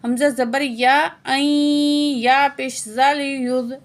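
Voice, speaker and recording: A woman with a high voice teaches Quran recitation slowly, spelling out letters and vowel marks one at a time. She stretches each chanted word, then drops into brisk, quieter asides to answer her own questions. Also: steady tone. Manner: asks herself quiz questions and answers them in quick quiet asides.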